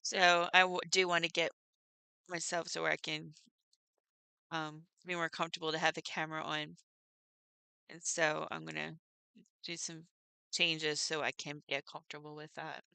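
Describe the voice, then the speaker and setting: A middle-aged woman hosting her first livestream, talking to viewers by name and laughing often. Her voice sits fairly low yet sounds bright and smooth, with plenty of gravelly fry. The sound is close and dry. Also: little pitch movement, moderate pace, long pauses, no room sound. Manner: chatty, laughs often, warm toward viewers. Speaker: livestream host. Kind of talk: casual chat with live viewers.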